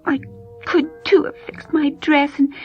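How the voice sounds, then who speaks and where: Woman doing a shy sweet servant girl, high and breathy, stammers, dull old record w/ faint music. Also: sing-song, unhurried, exaggerated voice. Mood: tearful.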